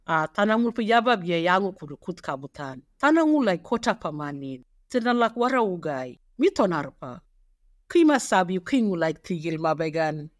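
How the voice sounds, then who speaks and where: A man narrating an explainer, reading quotes and numbered points in a steady, measured way. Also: a little high, no room sound, clean studio sound. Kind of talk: read-aloud explainer narration.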